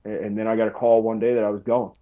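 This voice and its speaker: Rapid-fire and low-pitched with little pitch movement, a man in his forties tells a story as a podcast guest. He's laid-back and slangy, throwing around "dude" and "bro," and the line sounds tinny, like a phone.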